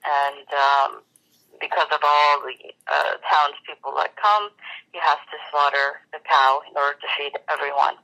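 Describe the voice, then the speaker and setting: A religious speaker giving a spiritual talk, telling a fable with many pauses, fillers and restarts. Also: mid-range voice, level tone, sharp tone, rough recording. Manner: reflective, teaching.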